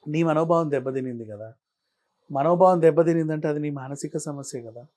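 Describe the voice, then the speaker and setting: A man answering as an interview guest, arguing his point with a stream of pointed rhetorical questions and shifting from calm explaining to heated. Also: on the high side, fairly quick. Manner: argumentative, fires rhetorical questions. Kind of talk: studio interview.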